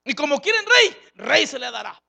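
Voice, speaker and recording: Gravelly, impassioned preacher. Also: sits high, sing-song, normal speed, pushed and bright, no room sound. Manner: impassioned, acts out biblical dialogue; questions the congregation directly. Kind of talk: sermon. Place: church service, streamed live.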